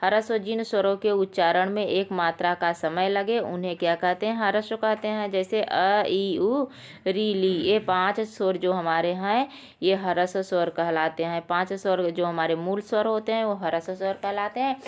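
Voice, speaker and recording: A woman's voice: medium pitch, fairly even intonation, moderate pace, clear, resonant tone. A woman teaching a Sanskrit exam lesson, patiently explaining and repeating key points while addressing viewers as friends.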